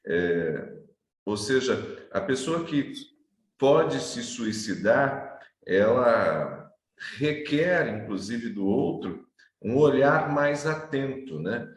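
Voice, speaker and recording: Slow, hesitant male host, roomy sound. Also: medium pitch, sing-song. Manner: hesitant, many filler sounds. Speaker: interview host. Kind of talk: interview questions. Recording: roomy echo.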